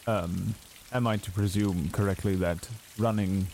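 A man playing a tabletop game in character, speaking in a formal, terse, deliberate way. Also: low-pitched, fairly even intonation, a little mellow, slight background noise. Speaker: tabletop player. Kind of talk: in-character role-play.

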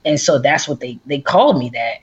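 A young woman from the US, chatting casually as a podcast guest and telling stories with lively quoted voices. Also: extremely low pitch, brisk, slightly rough, muffled recording. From United States (born in Texas, raised in Atlanta). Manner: chatty storyteller, mimics other voices in quotes. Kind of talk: casual conversation.

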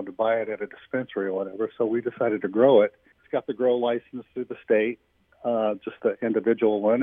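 A man's voice: medium pitch, no echo. Older man, plain chatty telling, dry phone-line sound. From Missouri. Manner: plain, conversational, frequent "uh" and "you know". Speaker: interviewee, army veteran. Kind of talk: recorded interview clip.

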